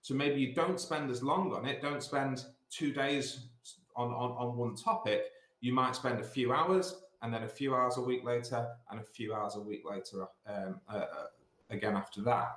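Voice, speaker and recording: With a mid-range, slightly bright voice at moderate pace, a middle-aged British sixth form director delivers exam revision advice in an assembly talk, repeating key points. He's on a video call from a small indoor office via computer mic, and the sound is roomy and echoey.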